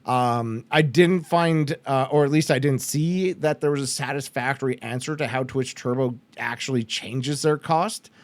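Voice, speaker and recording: Man, from Canada, podcast host, casual rambling chat, medium pitch, dry close sound. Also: normal speed, few pauses, dry recording. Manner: chatty, rambling with fillers and restarts; mocks others with put-on excited voices.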